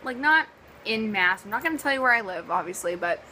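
A woman's voice: medium pitch, expressive, brisk, bright, forceful tone, slight background noise, poor audio. A young woman from the US East Coast with a sore, partly lost voice, chatting casually in a vlog and rambling with lots of ums and likes. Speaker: vlogger.

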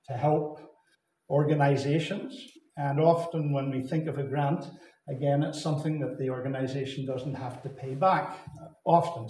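A man's voice: fairly high pitch, darkish tone. Man teaching in an echoey hall. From Saskatchewan, Canada. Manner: deliberate teacher, repeats and stresses key words. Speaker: Bible conference speaker. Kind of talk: Bible teaching address.

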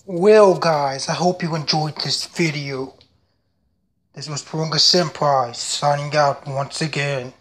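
A man's voice: fairly high pitch, fairly even intonation, slow, fairly bright tone. A man hosting a video in a casual intro and sign-off style. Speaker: video host.

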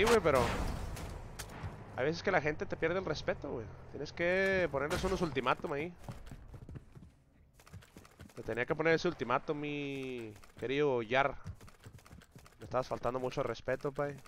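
A man's voice: a little high, a bit bright, slight background noise. A man chatting on a live game stream, teasing his chat with slangy banter.

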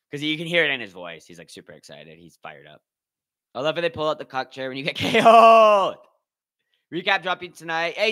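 A man's voice: mid-range voice, bright, forceful tone. A man hosting a live watch-party stream, commenting casually in loose slang and reading out and answering his chat.

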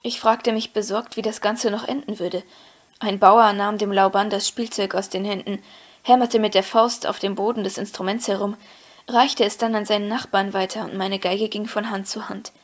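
Female audiobook reader, mid-pitched, measured and expressive. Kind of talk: scripted audiobook narration.

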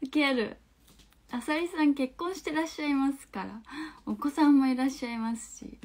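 A woman in her twenties with a Hakata dialect, chatting casually on a phone livestream as she reads out viewer comments, laughing often and dropping into soft murmurs. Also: sits high, normal speed. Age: 20s. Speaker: livestream host.

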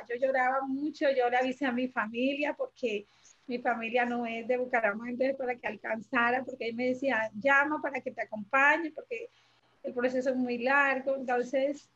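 Woman, high voice, hesitant testimony, dull lo-fi sound. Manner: hesitant, searching for words, repeats herself. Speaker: interview guest, mother of a heart transplant recipient. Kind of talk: emotional personal testimony.

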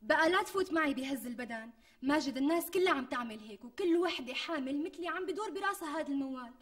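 An actress playing a pampered, demanding young pregnant wife with a Syrian Damascene accent, wheedling and quick to take offence. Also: female voice, sits high, animated. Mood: insistent. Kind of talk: TV sketch acting. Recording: distant mic with faint music.

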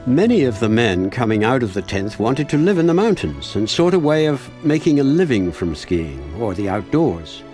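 Expressive male documentary narrator. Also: medium pitch, moderate pace, few pauses, soft background music. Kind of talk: scripted narration.

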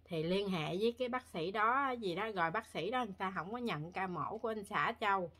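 A woman's voice: mid-range voice, fairly quick, fairly bright tone. A woman from Vietnam, a vlogger, talking casually to her viewers in a rambling way with many fillers and restarts. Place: home in Korea.

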